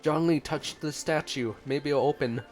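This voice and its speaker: A man with a voice on the high side, talking at normal speed, hosts a gaming video and casually reacts to a story quest. He playfully talks along with the game's characters while soft game music plays behind him.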